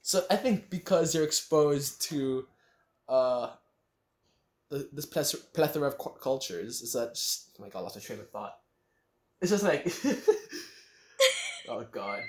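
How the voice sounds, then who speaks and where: A man's voice: medium pitch, expressive, normal speed, a little mellow. Rambling teenage guy in an echoey room. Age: late teens. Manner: rambling, many fillers and restarts. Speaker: podcast co-host. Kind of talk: casual chat. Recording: roomy echo.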